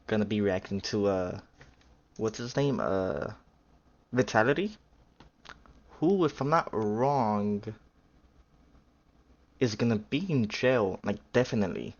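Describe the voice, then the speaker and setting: Casting: low-voiced guy, meandering reaction streamer, lo-fi mic. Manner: rambling, unsure, full of fillers and self-corrections. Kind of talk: casual reaction commentary.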